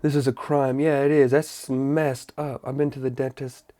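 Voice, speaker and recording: An American man hosts a reaction show in an off-the-cuff, conversational style. He is blunt and mocking and swears freely, with a mid-pitched voice. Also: little pitch movement, normal speed, warm tone. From United States. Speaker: reaction video host. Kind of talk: casual off-the-cuff commentary.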